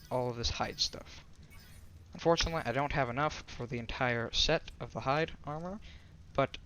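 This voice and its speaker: A man's voice: medium pitch, pushed and bright, a little hiss or hum. A man giving a casual voice-over game tutorial, rambling and often restarting or correcting himself. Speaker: gaming tutorial creator.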